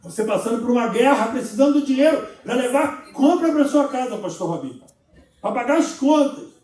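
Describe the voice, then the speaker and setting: A man with a Brazilian accent preaching a sermon as pastor, telling his own story with lively humorous asides. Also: very high voice, fairly quick. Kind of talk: sermon with personal testimony. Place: church sanctuary. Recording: very echoey church, voice from far off.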